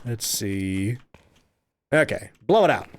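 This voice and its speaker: A man's voice: lowish voice, sing-song, slow pace, a little hiss or hum. A man streaming a game live, chatting, reading viewer comments aloud and laughing often.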